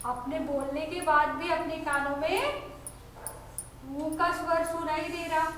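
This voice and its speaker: Slow high-voiced woman teaching small children. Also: fairly even intonation, a bit bright, echoey room, a little hiss or hum. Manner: slow, drawn-out syllables, repeating sounds for children to copy; mixes Hindi with English phrases. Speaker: kindergarten teacher. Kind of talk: online phonics lesson for young children.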